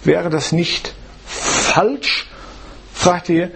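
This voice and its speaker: A man's voice: high voice, extremely slow, gravelly, noisy background. A man preaching a sermon in a church, reading Bible verses and explaining them with rhetorical questions.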